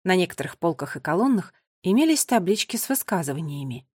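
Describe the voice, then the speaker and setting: A woman's voice: on the low side, very animated, fast talker, a little mellow, husky, no echo, clean studio sound. Woman narrating a children's audiobook.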